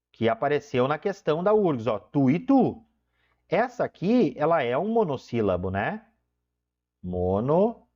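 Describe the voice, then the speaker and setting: A man gives an online lesson in a slightly raised, very animated voice. He stretches out key words and keeps checking in with his students. The recording sounds dull and lo-fi. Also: on the high side. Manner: explains step by step, keeps checking in with "tá?"; drawn-out emphasis on key terms. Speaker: teacher.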